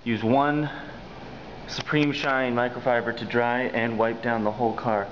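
Talking to his handheld camera, this young man jokes and explains car care with upbeat energy in a casual road-trip vlog full of detailing tips. His delivery is flat and a little slow at mid-range pitch, and the lo-fi sound carries a bit of hiss or hum.

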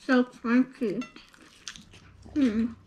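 A woman's voice: fairly high pitch, fairly even intonation, very slow, a little mellow, lo-fi sound, a little hiss or hum. A woman eating on camera, talking with her mouth full of chicken and murmuring with enjoyment as she savors each bite. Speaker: mukbang co-host. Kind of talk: casual eating commentary.

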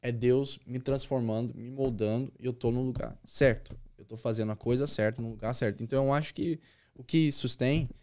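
A man's voice: medium pitch, steady tone, a little fast, darkish tone. A man, a youth pastor telling a personal story as a podcast guest, earnest and repeating key words for emphasis.

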